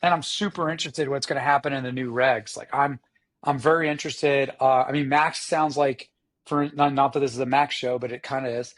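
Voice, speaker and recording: A man with a hoarse, rough voice and a middling pitch co-hosts a casual sports podcast. He rambles along with enthusiasm, using plenty of slang as he thinks aloud. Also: steady tone, a little fast, fairly bright tone. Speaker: podcast co-host. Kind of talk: casual motorsport chat.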